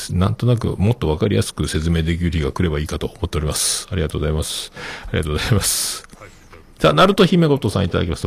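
A man hosting a casual podcast and reading listener mail, relaxed and chatty with many fillers and soft trailing ends, with a Kitakyushu accent. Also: mid-range voice, creaky, breathy edge. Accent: Kitakyushu Japanese. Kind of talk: casual solo podcast talk.

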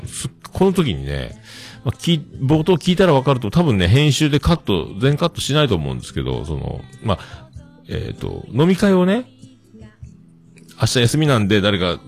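A man in his forties talks alone as a podcast host, with a very low, gravelly voice. He rambles and pokes fun at himself, and his pitch swings widely as he fills pauses with long drawn-out sounds. Faint music plays softly behind him. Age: 40s. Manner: rambling, self-deprecating, many drawn-out fillers. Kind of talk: casual solo talk.

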